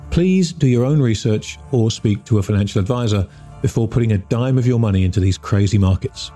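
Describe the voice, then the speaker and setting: A man's voice: on the low side, dark tone, faint music behind. A man hosting a finance podcast, reading a polished scripted intro and then interviewing a guest. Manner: polished, measured delivery. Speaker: podcast host.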